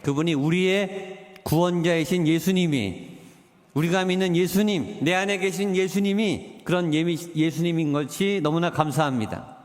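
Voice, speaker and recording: A man delivers a sermon in a fairly high voice. He presses hard on the key points, then sinks to quiet, drawn-out phrases. The sound rings with a long reverb, as in a hall. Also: steady tone. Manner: preaching with emphatic rises and quiet, slowed drops. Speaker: pastor.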